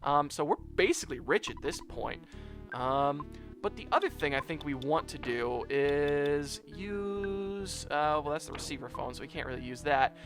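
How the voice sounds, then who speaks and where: A man's voice: fairly high pitch, animated, normal speed, a bit bright, faint music behind. A man giving casual, rambling let's play commentary on a video game, chatting to his viewers. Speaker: gameplay video host.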